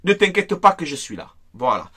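A man's voice: a little high, very animated, moderate pace, sharp tone, husky. A man delivering an angry, emphatic fan rant to camera, repeating himself for force. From Marseille, France. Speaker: football fan vlogger.

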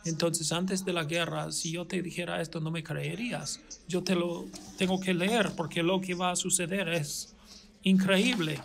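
A male pastor preaching a sermon, retelling a Bible story with animated storytelling and emphatic, restarting phrases. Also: high-pitched, a little slow, gravelly. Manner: animated storytelling, acting out the characters' dialogue.

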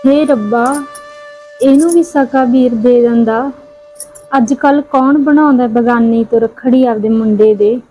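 A woman playing a caring mother who gently coaxes and consoles her daughter in an amateur short film, repeating endearments. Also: a little high, measured pace. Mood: wistful. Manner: soothing, coaxing, repeats endearments. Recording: dull lo-fi sound, faint music.

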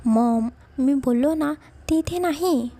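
Storybook: woman doing a curt, irritable young husband, a bit high, gravelly. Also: fairly even intonation, unhurried, mellow. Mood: irritated. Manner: short, snappish replies.

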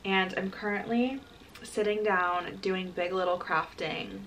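A young woman in her early twenties vlogs in a casual, chatty way. She has a bubbly, excitable sorority-girl manner and a mid-range pitch. There is clear background noise on the recording. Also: unhurried, poor audio. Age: early 20s. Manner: frequent filler "like". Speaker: college vlogger. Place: parked car and small bedroom. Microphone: camera at about arm's length.

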